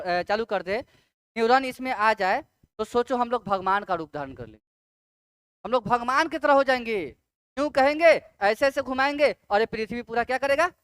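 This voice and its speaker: A woman teacher giving an exam-prep science lecture. She repeats key terms slowly, syllable by syllable, and asks rhetorical check questions. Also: a little high, clean tone, no room sound, studio quality.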